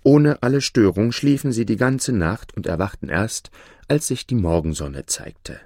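A man narrating a fairy tale in a lively, expressive reading. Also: on the low side, unhurried, no echo, studio quality. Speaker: storyteller.

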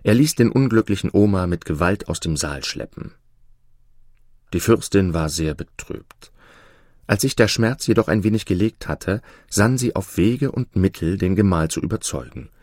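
A man narrating a fairy tale in a measured, dramatic reading. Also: deep voice, lively intonation, a little mellow, no room sound, studio quality. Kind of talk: storybook narration.

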